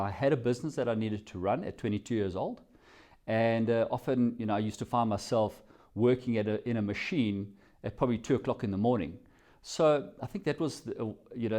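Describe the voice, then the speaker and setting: South african man, low voice, mellow dark tone, reflective rambling interview answers. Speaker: company CEO, guest.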